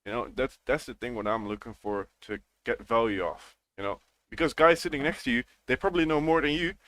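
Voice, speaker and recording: A man's voice: medium pitch, a little fast, fairly bright tone, no echo. A man hosting a live trading stream, chatting casually with callers and saying "you know" a lot. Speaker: livestream host. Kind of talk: casual chat.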